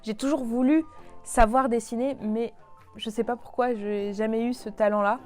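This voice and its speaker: A woman's voice: fairly high pitch, fairly even intonation, moderate pace, a little mellow, faint music behind. A young woman casually presenting a toy to the camera, with lots of fillers and restarts. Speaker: toy review YouTuber.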